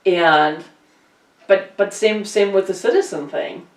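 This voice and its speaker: Taking it slowly in a medium-pitched voice, a German woman hosting a casual talk show shares her opinions earnestly and emphatically, repeating phrases for effect. She sounds distant from the microphone, and the room adds a noticeable echo.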